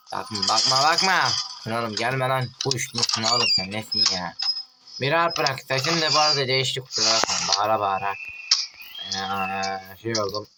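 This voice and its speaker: An excitable man talks his way through a horror game, his voice jumping up whenever something startles him. He grumbles and swears at the screen between scares. The phone recording sits under a loud wash of noise and clicks. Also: fairly low pitch. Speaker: gaming channel host. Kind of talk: casual horror game let's play. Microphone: phone mic.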